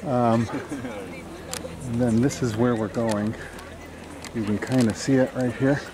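A man's voice: medium pitch, steady tone, measured pace. A middle-aged man chatting enthusiastically as he shows viewers around on a travel vlog, recorded on a camera mic outdoors. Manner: enthusiastic, chatty tour guiding. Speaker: travel vlogger. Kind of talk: casual travel vlog narration. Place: outdoors by a canal and on a mountain train. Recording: outdoor crowd and vehicle noise. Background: crowd chatter, train and street noise.

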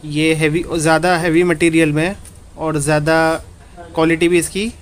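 A man's voice: fairly high pitch, level tone, moderate pace, clear, resonant tone. A man presenting feeding trays in a matter-of-fact product demonstration. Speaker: shop presenter.

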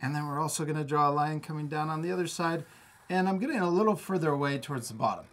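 Working in an art studio, a thirtyish man guides children through a drawing lesson in stages, patient in his explanations and full of cheerful encouragement. His voice is slightly high and a bit bright.

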